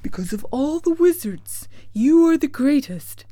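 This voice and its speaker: A woman's voice: high-pitched, big pitch swings, a little slow, dark tone, dry recording, pitched above the performer's own voice. A big male storybook lion, voiced by a woman, cowardly at heart and earnest in his pleas. He declares himself emphatically and without hurry, in a close, dry sound. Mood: pleading.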